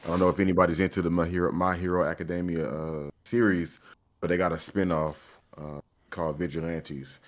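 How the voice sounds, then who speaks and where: A man's voice: low-pitched, level tone, brisk, slight background noise. A man co-hosting a gaming stream in easygoing casual chat. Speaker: co-host.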